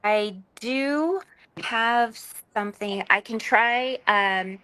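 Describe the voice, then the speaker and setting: A woman's voice: on the high side, drawn-out words, sharp tone, clean tone. Woman's voice with audio dropping out. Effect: audio cutting out in dropouts. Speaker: cacao ceremony leader. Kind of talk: casual live video call chat. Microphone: phone microphone.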